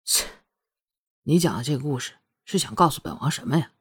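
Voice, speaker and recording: A woman's voice: a bass voice, a little fast, warm tone, breathy edge, no echo, voice pushed down. A woman reading a storybook and voicing a proud, self-assured young male prince who speaks in a lazy but confident tone. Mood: drawling, confident. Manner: lazy, casual yet confident tone.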